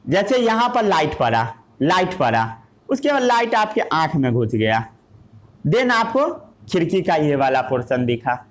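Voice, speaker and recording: A man's voice: on the high side, big pitch swings, measured pace. A male teacher giving a classroom science lesson. He asks rhetorical questions, answers them himself, and mixes English terms into his Hindi.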